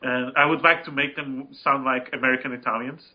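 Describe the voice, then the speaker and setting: A man's voice: medium pitch, steady tone, a little fast, highs cut off. A man co-hosting a casual gaming podcast, rambling and emphatic, and swearing freely as he talks. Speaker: podcast co-host.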